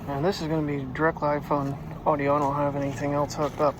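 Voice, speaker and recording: A daily vlogger walks his dog outdoors at night, rambling and thinking aloud about gear and the cold. His voice is on the high side and monotone, and he talks quickly. The direct phone mic audio picks up a noisy background.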